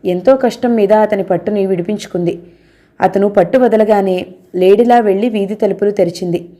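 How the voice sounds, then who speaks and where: A woman narrating a novel aloud in a steady, measured storytelling voice. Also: medium pitch.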